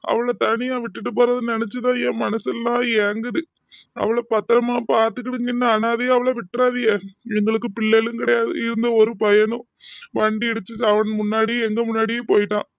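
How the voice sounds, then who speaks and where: A man's voice: extremely high pitch, little pitch movement, brisk, gravelly, no room sound, dull audio. A man voicing a frail, sick old husband who is grieving, speaking. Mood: mournful.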